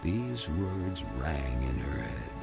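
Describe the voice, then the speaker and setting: A man playing a solemn storybook narrator of a dark fairy tale, theatrical and measured in an animated game. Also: very deep voice, creaky, full character voice. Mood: solemn, wondering. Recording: music under the narration.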